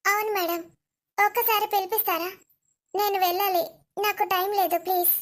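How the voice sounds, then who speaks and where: A woman voicing a young woman posing as a nurse in an animated family drama, pleading and insistent. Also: very high voice, fairly quick.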